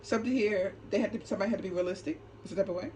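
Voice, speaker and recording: This tarot reader and channel host talks in rapid bursts with a mid-range, steady, slightly mellow voice. Her casual, unscripted spiritual card reading is emphatic and repetitive, dotted with short check-in tags, and there's clear ambient noise in the recording.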